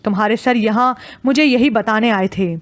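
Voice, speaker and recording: A woman's voice: a little high, dry recording, lightly acted. A woman voicing a stern, worried middle-aged mother who scolds her daughter in an audio novel. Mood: scolding. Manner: scolding, reproachful.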